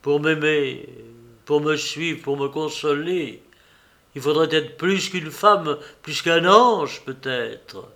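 A man's voice: a little high, slow pace, sharp tone, heavily acted. A man voicing a desperate, tormented young male lover in an audiobook, with impassioned, pleading delivery. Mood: grave.

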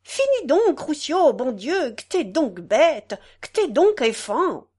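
A woman's voice: sits high, wildly swooping pitch, slow, pushed and bright, voice pushed up, heavily acted. A woman voicing a rustic male peasant who tells his story to a judge in a broad country dialect. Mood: rambling. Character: rustic male peasant telling a tale in court.

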